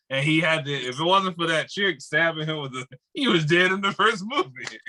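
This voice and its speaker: A man's voice: a little high, lively intonation, moderate pace, sharp tone, rough recording. A man co-hosting a casual podcast over a video call, talking loosely and rambling, often breaking into laughs. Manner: loose, rambling talker who laughs easily. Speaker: podcast co-host.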